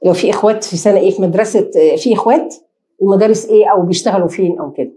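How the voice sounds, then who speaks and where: A woman with an Egyptian accent giving an animated lecture, asking rhetorical questions and acting out short exchanges. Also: mid-range voice, roomy sound. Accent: Egyptian Arabic. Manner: animated, asks rhetorical questions and answers them herself; acts out short dialogues in quick asides. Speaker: lecturer giving marriage advice. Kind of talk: lively lecture to an audience.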